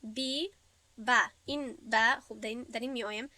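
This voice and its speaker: A woman teaching Arabic grammar, explaining patiently step by step and reciting verses slowly. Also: fairly high pitch, fairly even intonation, pushed and bright, no echo. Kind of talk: classroom lesson.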